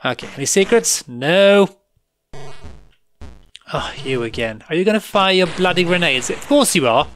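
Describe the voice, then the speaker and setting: A man's voice: high-pitched, expressive, moderate pace, pauses often, fairly bright tone. A man giving live commentary while playing a retro game, grumbling sarcastically and laughing at his own frustration. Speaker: retro gaming video host.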